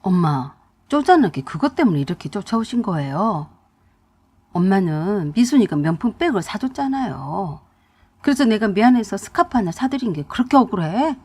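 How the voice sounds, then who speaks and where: A woman's voice: medium pitch, sing-song, moderate pace, a little mellow, husky. A woman voicing a young husband who argues defensively with his mother, in a radio drama reading. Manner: pleading, defensive complaining.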